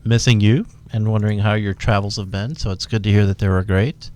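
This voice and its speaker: A man co-hosting a radio talk show in a studio, answering briefly and calmly. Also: fairly low pitch, brisk, a little hiss or hum. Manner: calm, brief, easygoing replies. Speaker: radio co-host and producer.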